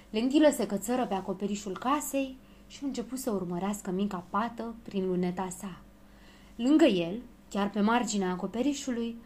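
Brief: female storybook narrator, expressive read. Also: medium pitch. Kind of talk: children's story reading.

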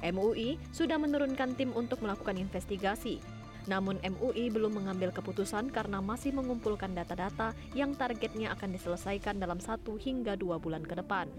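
A woman's voice: medium pitch, fairly quick. Woman news presenter, formal scripted delivery, music bed behind. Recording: studio voice-over with music behind.

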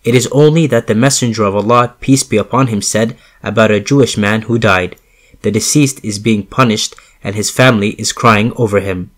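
A man reading religious texts as an audiobook, in an even, measured recitation with formal phrasing. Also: medium pitch. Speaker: audiobook reader.

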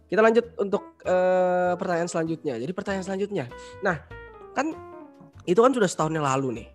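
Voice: mid-range voice, animated, brisk, faint music behind. Chatty podcast host in a mid voice. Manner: chatty, asks questions, reacts with short fillers. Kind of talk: casual podcast chat.

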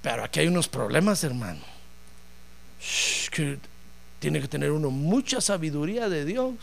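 A man preaching a sermon in an animated, joking way, acting out voices as he tells the story. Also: fairly high pitch, moderate pace, gravelly.

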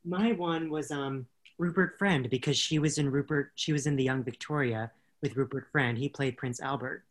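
A woman's voice: rumbling low, normal speed. A woman co-hosting a casual podcast chat, talking in a rambling way with many restarts and easy laughs. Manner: rambling, self-correcting, laughs easily. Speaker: podcast co-host.

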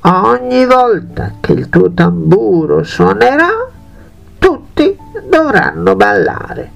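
A man voicing a kind old woman in a fairy tale, speaking in a high quavering granny voice. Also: huge pitch swings, slow, vocal fry, soft background music, full character voice. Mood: kindly.

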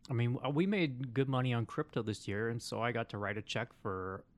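A man co-hosting a casual political podcast, sardonic and weary, often trailing off into a low mutter. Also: a little fast. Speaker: podcast co-host.

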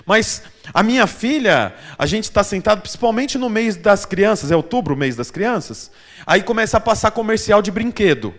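Lively, high-pitched male preacher. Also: normal speed. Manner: animated preaching, acting out quoted voices. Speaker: pastor. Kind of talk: sermon. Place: small church hall.

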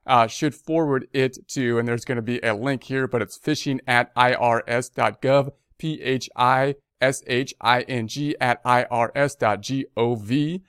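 A man's voice: medium pitch, clear, resonant tone, dry recording, clean studio sound. A man reading a news release aloud and explaining it in plain words, with fillers and restarts. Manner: reads text, then adds plain explanations with fillers and restarts. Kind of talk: reading aloud with casual commentary.

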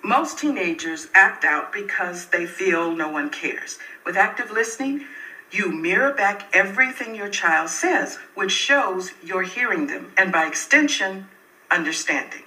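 An actress playing an earnest, soothing parenting counselor in a sitcom, heard as TV audio played back in a room. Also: female voice, medium pitch, expressive, sharp tone, far from the mic. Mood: calm. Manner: soothing, slow, instructive. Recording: roomy TV audio played from afar.

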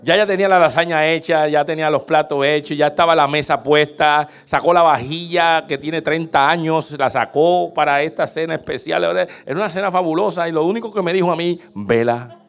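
A man pastor preaching a sermon, telling a homey story and building up to fervent shouting. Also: a little high, brisk, hardly any pauses, clean tone. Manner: animated storytelling, rising to shouts.

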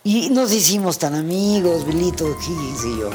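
A woman's voice: fairly low pitch, normal speed, music in the background. A woman, a pianist, telling anecdotes in an interview, acting out the voices in her stories. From Mexico. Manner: animated storyteller who acts out the voices in her anecdotes. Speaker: pianist guest. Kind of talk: storytelling in an interview.

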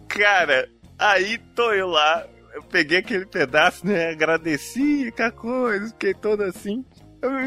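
A young Brazilian man in his twenties with a Brazilian Portuguese accent, telling a funny story in casual chat and acting out the voices of the people in it. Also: high voice. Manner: animated, acts out voices in his stories.

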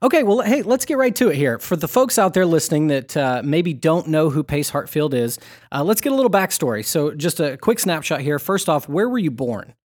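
A man's voice: a little high, very animated, brisk, darkish tone. A young adult man co-hosting a podcast in casual, upbeat, joking chat. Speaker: podcast co-host.

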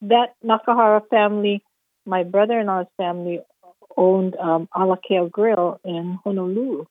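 A woman's voice: medium pitch, steady tone, normal speed, no room sound. Female radio guest on a phone-quality line, casual rambling storyteller. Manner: rambling, many fillers, laughs often.

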